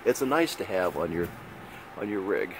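A man's voice: low-pitched, sing-song, normal speed. A man in his sixties explaining casually in a plain, laid-back way. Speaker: vlogger, RV traveller. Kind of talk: casual vlog talk. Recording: noisy phone audio with road noise.

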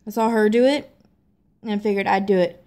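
A young woman from the American South with a Southern accent, chatting casually to camera in a hesitant, low-key way. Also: normal speed, darkish tone. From Tennessee and Mississippi, United States. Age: young adult. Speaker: amateur vlogger. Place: small living room at home, seated in an armchair.

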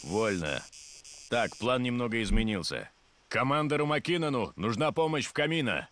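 A man's voice: mid-range voice, animated, normal speed, very noisy, close to an everyday voice. A man voicing a curt commanding officer in matter-of-fact game dialogue. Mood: businesslike.

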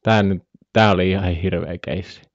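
Brief: young Finnish male streamer, low voice, joking and rambling, dull dry lo-fi mic. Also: fairly even intonation. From Finland. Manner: joking, rambling, imitates animal sounds. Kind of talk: casual live-stream chat.

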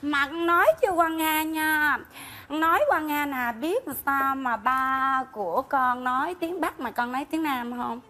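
A woman's voice: sits high, measured pace, pushed and bright. A woman playing a cheeky, wisecracking pregnant village girl with a Southern Vietnamese accent in a stage comedy sketch. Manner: sassy, wisecracking southern talk.

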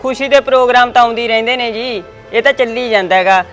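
A woman's voice: on the high side, quick pace, soft background music, natural voice. A woman playing a timid young village wife, hesitant and complaining. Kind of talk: village short film acting.

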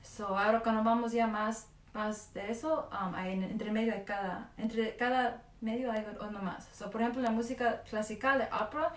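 A woman's voice: on the high side, fairly even intonation, normal speed, hardly any pauses. A woman with a mezzo-soprano voice giving an online singing lesson, counting aloud, demonstrating vowel drills and slipping English words into her speech. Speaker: singing teacher. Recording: roomy sound, mic at a distance, loud piano. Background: piano accompaniment.

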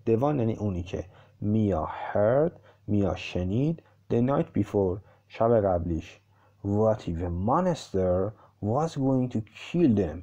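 A male English teacher reading a story one line at a time, saying each English sentence slowly and clearly and then explaining it. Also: on the low side, dark tone. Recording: muffled lo-fi recording.

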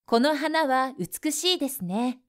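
Woman, translation reader, quick pace, neat delivery. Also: high voice, animated, a bit bright. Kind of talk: reading Japanese translations of lesson sentences.

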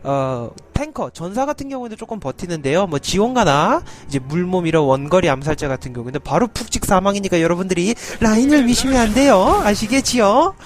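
A man's voice: sits high, animated, fairly quick, hardly any pauses. A man streaming a video game, giving playful, joking commentary to viewers and yelping in panic during fights. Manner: joking, teasing, yelps repeated "no" in panic. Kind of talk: playful live gameplay commentary. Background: game music.

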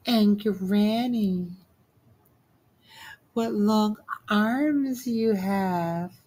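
A man voicing a sweet, polite little girl in a storybook reading, speaking slowly in a high, gentle, innocent voice. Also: full character voice.

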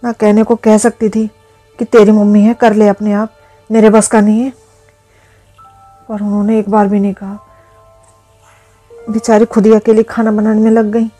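An actress playing a blunt, snappish young daughter-in-law in a family drama who later turns self-reproaching. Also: female voice, mid-range voice, mellow, natural voice. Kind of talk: Hindi family drama acting.

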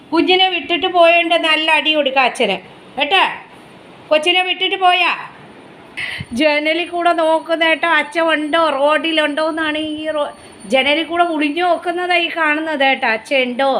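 A woman's voice: very high-pitched, a bit bright, slight background noise. A woman, filming at home on a phone and talking to her pet dog in fond, sing-song baby talk. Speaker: pet vlogger. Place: home indoors.

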